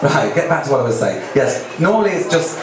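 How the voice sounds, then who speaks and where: Campy male drag queen, animated cabaret banter, very reverberant venue, noisy audience. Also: medium pitch, fast talker. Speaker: drag cabaret performer and host. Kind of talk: live stand-up comedy patter with audience banter. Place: live cabaret stage in a music cafe. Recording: echoey live venue, distant mic, loud crowd noise. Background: loud audience noise and laughter.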